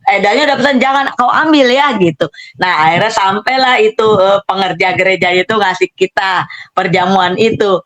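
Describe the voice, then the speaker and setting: A woman's voice: mid-range voice, moderate pace, fairly bright tone. A middle-aged woman, animatedly telling her own story in a casual spoken testimony and acting out the dialogue. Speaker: testimony speaker.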